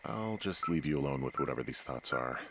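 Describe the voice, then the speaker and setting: An actor playing a weary fire lookout with a dry, deadpan manner in a video game. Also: male voice, extremely low pitch, a little fast. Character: weary, dry-humored man alone in the woods. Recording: game audio with forest ambience noise.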